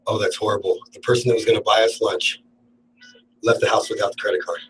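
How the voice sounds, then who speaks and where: A man's voice: on the low side, fairly even intonation, fast talker, slight background noise, low-quality recording. A man hosting a radio talk show, rambling and laughing often through casual on-air banter in the studio. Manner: rambling, laughs a lot, playful.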